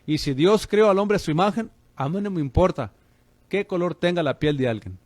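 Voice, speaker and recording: A man's voice: high voice, expressive, brisk, a little mellow, no room sound. Man, radio pastor, fervent preaching, dry studio sound. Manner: fervent preaching, addresses listeners as brother.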